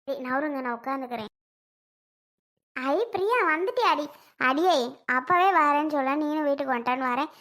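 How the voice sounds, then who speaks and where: A woman's voice: high voice, expressive, normal speed, long pauses, fairly bright tone. A woman acting out several women in a family skit, chatty and affectionate.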